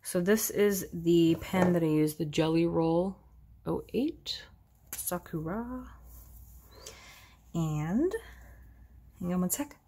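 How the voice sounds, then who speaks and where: A woman narrating a casual card-making tutorial in a relaxed, chatty way with self-deprecating asides. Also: lowish voice, takes it slowly, pauses often, slight background noise. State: sneezing, slightly congested.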